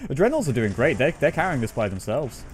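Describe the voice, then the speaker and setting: A man's voice: medium pitch, big pitch swings, fast talker, a little hiss or hum. A man chatting casually as he streams a game, giving opinions and swearing freely. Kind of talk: casual live gaming commentary.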